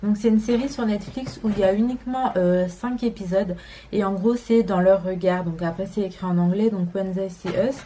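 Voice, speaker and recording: A woman's voice: medium pitch, normal speed, dark tone. A woman in her twenties from France, chatting casually to camera at home, rambling with many fillers. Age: 20s. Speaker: vlogger. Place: home, indoors.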